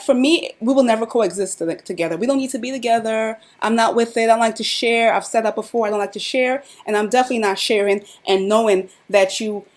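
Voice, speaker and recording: A woman's voice: a little high, a little mellow. A woman co-hosting a live chat show who gives her opinion bluntly, hammering her points with repetition. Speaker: podcast co-host.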